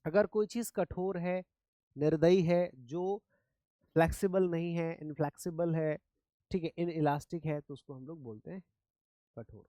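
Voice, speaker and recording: A man's voice: a little high, moderate pace, warm tone, dry recording. A man from India teaching English vocabulary in Hindi, who repeats each word and gives memory tricks. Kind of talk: vocabulary lesson.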